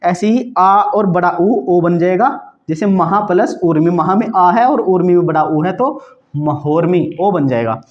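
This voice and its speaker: Man, grammar teacher, high voice, quiz-style questions, muffled lo-fi sound. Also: lively intonation, unhurried. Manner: repeats "ठीक है दोस्तों" and asks quiz-style questions. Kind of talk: online grammar lesson.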